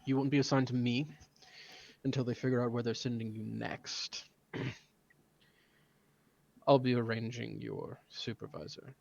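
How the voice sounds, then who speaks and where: A man voicing a stern older father who is a high church official, speaking low and measured. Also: fairly even intonation, gravelly, darkish tone, highs cut off.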